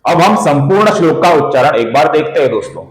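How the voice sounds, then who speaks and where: A man teaching careful pronunciation of a devotional verse, explaining it patiently syllable by syllable and chanting the lines slowly. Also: on the high side, lively intonation. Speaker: Sanskrit recitation teacher. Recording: roomy echo.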